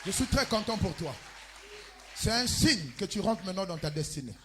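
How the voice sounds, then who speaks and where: A man with a Congolese French accent preaching a sermon as pastor, with loud emphatic bursts and chanted lines. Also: high-pitched, expressive, normal speed, a crowd in the background, background noise. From Republic of the Congo. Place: church.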